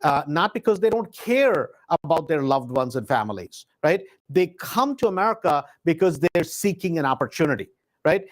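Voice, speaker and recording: A man's voice: on the high side, very animated, moderate pace. A middle-aged man who grew up in India, hosting a live real estate investing webinar in a stop-start way, with many "uh"s and emphatic repeated words. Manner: filler-heavy, stop-start delivery with many "uh"s.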